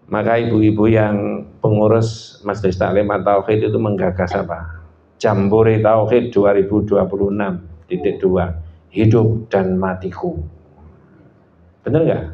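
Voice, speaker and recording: A man with a Surabaya accent preaching a sermon, animated, quizzing his listeners with questions. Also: on the low side, measured pace, pauses often, slight background noise. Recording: echoey lo-fi hall.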